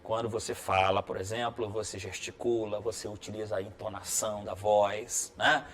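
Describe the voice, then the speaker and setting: A man's voice: lowish voice, little pitch movement, normal speed, fairly bright tone, a little hiss or hum. A man with a Brazilian accent teaching a writing lesson on video, friendly and encouraging, who keeps checking in with listeners by asking "right?". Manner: peppers sentences with checking tags like "right?"; friendly, encouraging classroom delivery.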